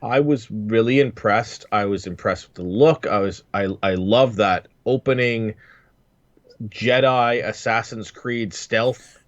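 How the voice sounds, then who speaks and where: A male podcast co-host chats casually, often stalling and repeating himself mid-thought. His voice is on the low side. The recording is dry and slightly muffled, as if a cheaper mic was used. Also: dry recording. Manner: halting, repeats words while searching for them. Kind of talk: casual chat.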